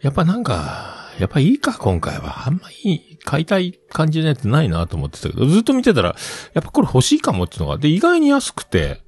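A man's voice: a little high, wildly swooping pitch, fast, hardly any pauses, darkish tone, breathy edge. A middle-aged man casually rambling through a personal story, acting out the bits he quotes. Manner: chatty storyteller who acts out quoted bits.

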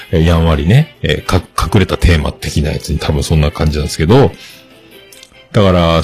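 Deep-voiced man rambling on a podcast. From Fukuoka, Japan. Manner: rambling and chatty, with many hesitations. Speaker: podcast host. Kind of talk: casual solo podcast talk.

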